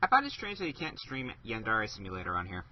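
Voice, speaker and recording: A man's voice: on the low side, wildly swooping pitch, quick pace. A man co-hosting a casual gaming podcast in a laid-back, amused way. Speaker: podcast co-host. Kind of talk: casual chat. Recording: dull lo-fi podcast mic.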